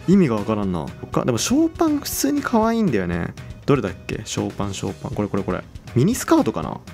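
A young man talks his way through a game in a casual, chatty commentary. His pitch swings around a lot as he gets excited over each new thing, and faint background music plays beneath him. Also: rapid-fire, vocal fry. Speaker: game channel host.

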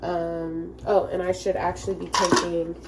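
A woman's voice: fairly low pitch, level tone, unhurried, darkish tone. A young woman talks casually to her phone camera, loose and friendly, as if chatting with friends. She sounds a little stuffed up from sneezing, and a faint background noise sits under her voice. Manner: chatty, loose and friendly, talking straight to viewers. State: congested from sneezing. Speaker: vlogger. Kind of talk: casual vlog chat to camera.

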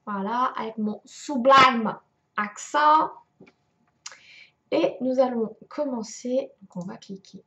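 A young woman talks over her gameplay in a high, bright register. She curses freely and laughs at her own failures, exasperated but joking. The recording sounds dull and lo-fi. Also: unhurried, hardly any pauses. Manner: swears often, exasperated and self-mocking. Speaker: gaming youtuber. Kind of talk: let's play commentary.

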